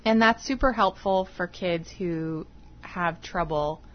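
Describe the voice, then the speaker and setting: A woman's voice: fairly low pitch, slow, highs cut off. A woman guest on a radio talk show, explaining her field step by step with examples. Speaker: guest expert, behavioral analyst.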